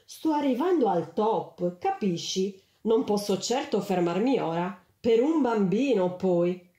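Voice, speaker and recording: A woman voicing an ambitious, detached businesswoman in a storybook, talking in a drawn-out, incredulous way, in a roomy space. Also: mid-range voice, lively intonation, dark tone, close to an everyday voice. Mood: scoffing. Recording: roomy echo.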